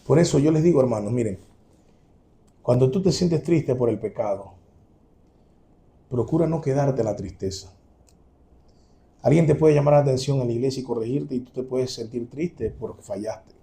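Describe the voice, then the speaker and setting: A man's voice: medium pitch, moderate pace, gravelly, long pauses, mellow. A man preaching a sermon to his congregation, earnest and direct, repeating his key points.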